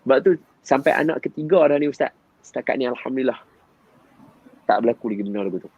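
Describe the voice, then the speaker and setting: A man, telling a story in an animated way and often turning to address his listener directly. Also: medium pitch, quick pace, gravelly, slightly rough, no echo, highs cut off. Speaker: guest father sharing parenting experience. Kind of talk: storytelling in conversation.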